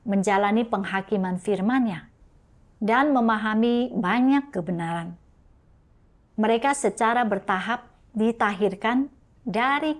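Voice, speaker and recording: Woman preacher, sermon, slow deliberate delivery, fairly high voice.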